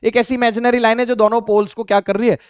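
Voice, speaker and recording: A man's voice: very high voice, flat delivery, fast, clean tone, no echo, clean studio sound. A male physics teacher giving a casual classroom lecture in Hindi mixed with English, asking questions and then answering them himself. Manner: voices a student's replies to himself.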